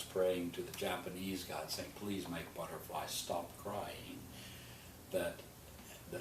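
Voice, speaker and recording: Deep-voiced opera director, storytelling with feeling, echoey room, mic far off, noisy. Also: male voice. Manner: expressive storytelling, slowing on key images. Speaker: opera general and artistic director. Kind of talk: explaining an opera plot in an interview.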